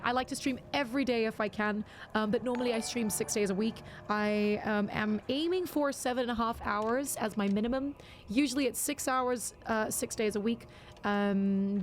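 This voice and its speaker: There's a little hiss or hum behind a young woman's slightly high voice. She's a variety streamer chatting and rambling with lots of fillers while gaming, and she sounds a little worn out.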